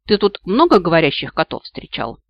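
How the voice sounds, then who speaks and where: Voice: mid-range voice, big pitch swings, fairly quick, dry recording, dull audio. An audiobook reader voicing a blunt, wisecracking male talking cat familiar. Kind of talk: audiobook character voice.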